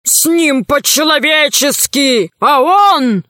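A woman puts on a grumpy, proud old dragon who drags out every word in a slow, heavy drawl. The tone is bright and edgy, and the close, dry recording keeps it right up front. It sounds like a storybook beast fed up with his passengers. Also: high voice, animated, dry recording, pitched above the performer's own voice, exaggerated voice. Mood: indignant. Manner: slow, weighty and indignant. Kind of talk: audiobook character voice.

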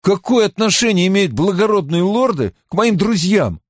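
A man's voice: high voice, lively intonation, normal speed, dry recording, clean studio sound, voice pushed up. A man voicing an insistent, urgent young man. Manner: urgent, pressing. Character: eager, insistent young man searching for friends. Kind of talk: audiobook character voice.

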